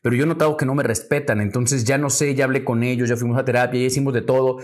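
A man voicing a frustrated middle-aged father who complains about his children in a rushed, lower voice. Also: fairly even intonation, natural voice.

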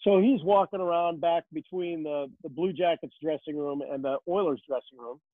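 A man telling behind-the-scenes stories as a rinkside hockey reporter, rambling and chatty with lots of fillers. His voice sits a bit high, and it comes through a thin, phone-like line. The sound is dry and close, with no room echo. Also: normal speed. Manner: chatty storyteller, many fillers. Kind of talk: casual interview answers.

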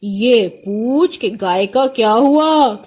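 Woman voicing a good-natured village man, soft-toned and pleading. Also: on the high side, lively intonation. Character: easygoing male peasant Raja, boastful.

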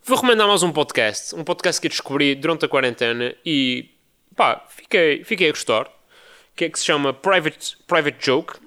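Animated young Portuguese man, bright voice. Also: normal speed, clean tone. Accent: European Portuguese. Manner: animated storytelling, mimics others in high voices. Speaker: podcast host. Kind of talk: casual podcast monologue.

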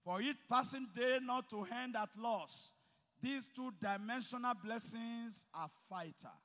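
A man preaching in a very high, bright voice that rings with a long hall reverb. He is emphatic, dropping to quiet asides and then rising to loud exhortation. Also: a little slow. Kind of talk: sermon to students.

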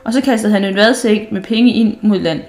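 A woman reading a children's book aloud, gentle and unhurried, with small slips and restarts. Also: medium pitch. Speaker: storyteller.

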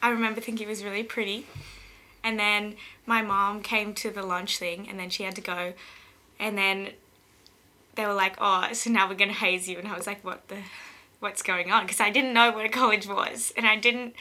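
A woman's voice: mid-range voice, fairly even intonation, normal speed, bright, forceful tone. A young Australian woman at college, telling her story in a casual interview, rambling and laughing often. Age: young adult.

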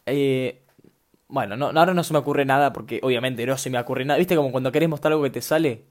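A man's voice: mid-range voice, quick pace. A young man with a Rioplatense Spanish accent, hosting a solo podcast, talking in a scattered, self-mocking way full of slang. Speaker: podcast host.

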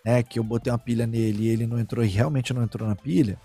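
Male host, husky, a bit high, slangy animated storyteller, dry mic, soft music bed. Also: very fast, no room sound. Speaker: streamer and podcast host. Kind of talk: casual chat.

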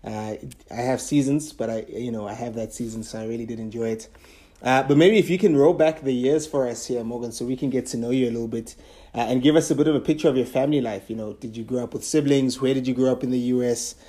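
A man hosting a podcast, asking questions in a relaxed, halting way with frequent "uh". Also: medium pitch. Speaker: podcast host. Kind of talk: casual interview.

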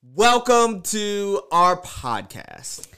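A man's voice: high-pitched, very animated, extremely slow, bright, forceful tone, clean tone. A man co-hosting a podcast in casual, bantering chat, with a playful, teasing manner. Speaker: podcast co-host.

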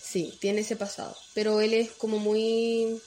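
A woman, co-hosting a casual podcast, who explains things in a soft, calm way. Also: on the high side, measured pace, slight background noise. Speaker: podcast co-host. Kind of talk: casual chat.

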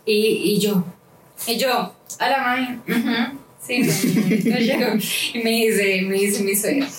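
A woman chats on a podcast with a fairly high voice, telling stories and jumping into sudden pitch leaps whenever she quotes someone. She sounds set back from the mic in an echoey room. A faint noise sits underneath. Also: unhurried, far from the mic. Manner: acts out quoted voices with big pitch jumps, laughs often. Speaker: podcast co-host. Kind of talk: casual chat, animated storytelling.

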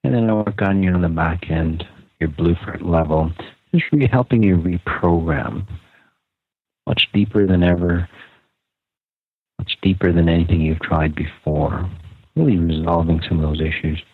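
A man leading a guided meditation podcast in a calm, casual, unscripted way, with pauses between short phrases. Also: low-pitched, slightly rough, dry recording. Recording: muffled, phone-like narrow sound.

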